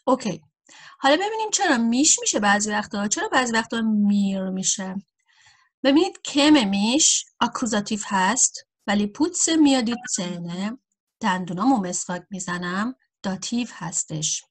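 A woman teaching a German grammar lesson, addressing viewers directly and saying example sentences slowly and carefully for learners. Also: medium pitch, expressive. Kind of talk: grammar lesson explained in Persian.

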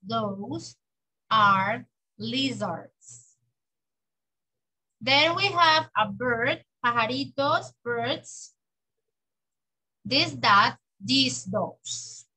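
A woman teaching English to children, patiently drilling words slowly and clearly in a bilingual lesson. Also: sits high, bright, forceful tone, low-quality recording. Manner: patient, exaggerated slow pronunciation for children. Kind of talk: bilingual classroom lesson, slow drilled repetition.

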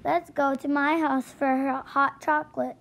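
A woman's voice: sits high, little pitch movement, a little slow, fairly bright tone. A woman reading as an eager little girl. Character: cheerful young girl, spring lover.

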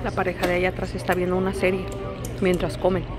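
This vlogger, a middle-aged woman with a Mexican Spanish accent, talks fast in a fairly low voice over music. She jokes around and teases her viewers casually, and steady background noise runs throughout.

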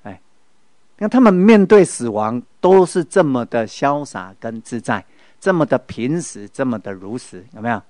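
A man's voice: medium pitch, expressive, normal speed, a little mellow, no room sound. A middle-aged man with a Taiwanese Mandarin accent gives a Buddhist spiritual lecture. He tells stories and keeps asking his audience rhetorical questions.

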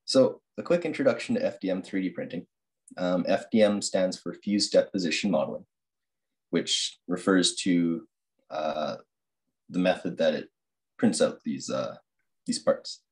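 A young man, a master's student, giving an academic slide presentation over a screen-recorded video call, halting with many fillers and restarts. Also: deep voice, darkish tone.

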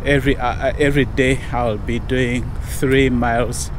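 A man in his forties chatting casually into a handheld camera while walking outdoors, unhurried with fillers. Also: mid-range voice, fairly even intonation. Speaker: vlogger. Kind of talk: casual fitness vlog. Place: outdoors on suburban sidewalks and in a car. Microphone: action camera held close. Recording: outdoor street noise.

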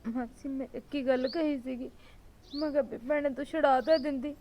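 A woman's voice: high voice, steady tone, fairly quick, darkish tone, a little hiss or hum, close to an everyday voice. A woman with a Punjabi accent playing a young wife beaten by her in-laws, complaining and pleading to her aunt.

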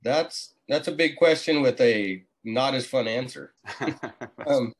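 A man in his forties, a laid-back contractor, takes it slowly as he chats in a casual interview on a video call. His mid-range voice is slightly rough, recorded by a computer mic in a small indoor room.

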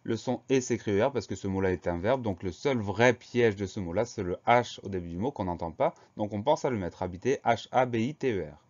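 A man's voice: fairly low pitch, brisk, hardly any pauses, darkish tone, highs cut off. A man teaching a spelling lesson, patiently spelling out each word letter by letter.

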